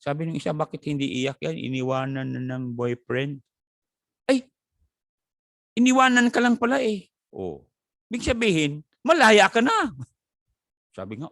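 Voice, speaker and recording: A male pastor with a Filipino accent preaching a lively sermon, joking and speaking directly to viewers by name. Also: dry recording, clean studio sound. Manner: animated, jumps high in pitch to stress points; jokes and talks straight to viewers by name.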